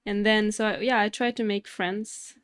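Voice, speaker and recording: A woman's voice: medium pitch, normal speed, smooth, no room sound. Swedish-born woman, late twenties, mid voice, easygoing and hesitant, dead-dry close mic. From Sweden. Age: late 20s. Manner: relaxed, hesitant, frequent restarts and small laughs. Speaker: guest, fitness instructor. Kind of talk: casual interview chat.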